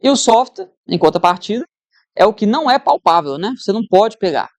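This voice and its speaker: A woman's voice: medium pitch, expressive, a little fast, darkish tone, no echo, clean studio sound. A woman teacher giving an exam-prep lesson, conversational, who keeps checking in with her students.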